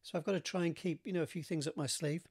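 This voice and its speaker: Chatty man, slightly high voice. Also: steady tone, fast, darkish tone, slightly rough. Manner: rambling, many fillers and restarts. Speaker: author. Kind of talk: casual chat to camera.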